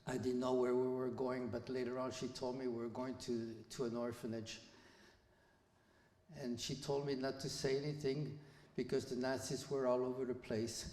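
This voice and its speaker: Addressing students as a guest speaker, a Belgian man around 80 recounts his own story in a measured, unadorned style, restarting now and then. His voice sits in the mid range with a darkish tone and a flat delivery, and the school hall adds echoey reverb.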